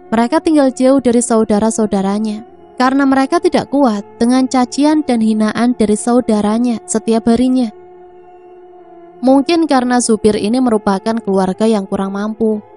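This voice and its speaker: A woman narrating a scripted family drama in a steady, even reading voice. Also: a little high. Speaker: storyteller. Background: faint music.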